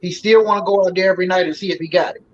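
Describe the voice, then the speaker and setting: Rapid-fire and high-voiced, the man in his forties keeps his intonation fairly even during a relaxed talk show appearance. Fillers crowd his loose, down-home way of speaking, and the sound is slightly dull with faint background noise.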